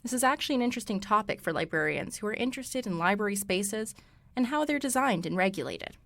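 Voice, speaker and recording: A young woman co-hosting a student radio show, reading a scripted segment in a brisk, wry way. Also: medium pitch, expressive, vocal fry, a bit bright, a little hiss or hum. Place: radio studio.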